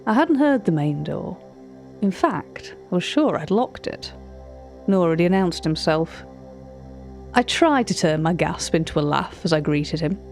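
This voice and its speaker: A woman with a lowish, expressive, somewhat mellow voice narrates unhurriedly over soft music. She plays a cultured, wry art-catalogue narrator in an audio drama, recounting uncanny encounters in a formal, precise, drily opinionated manner. The scripted fiction carries a mood of hushed unease with a wry edge.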